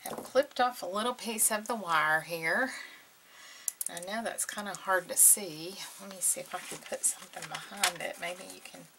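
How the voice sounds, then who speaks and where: A woman hosting a casual craft tutorial with a gravelly voice and a slightly sore throat, murmuring unhurriedly as she works. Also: on the low side, moderate pace, background noise. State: slightly sore throat, clearing it now and then. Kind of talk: casual hands-on craft tutorial, talking while working.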